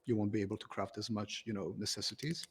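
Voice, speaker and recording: Man, low husky voice, relaxed developer answering questions, lots of uh's. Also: fast talker. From Croatia. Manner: easygoing, hesitant with many fillers. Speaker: game developer. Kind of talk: casual interview answers.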